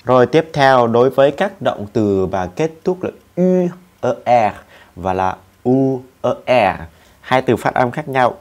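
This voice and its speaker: A man's voice: medium pitch, very animated, a little slow, a little mellow. A man teaching French in an online lesson, patiently spelling out letters and drilling verb forms aloud.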